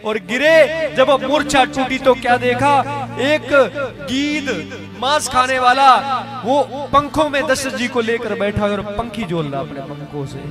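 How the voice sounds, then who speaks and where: A man's voice: extremely high pitch, unhurried. A man telling a religious story in a dramatic, emphatic sermon style with sung verses. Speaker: katha storyteller. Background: devotional instrumental music.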